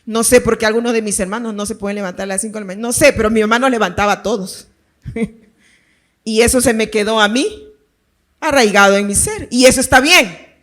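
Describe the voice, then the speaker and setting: Middle-aged woman pastor, high voice, animated sermon delivery with asides and questions to the congregation. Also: a little fast. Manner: animated, laughing storytelling with rhetorical questions.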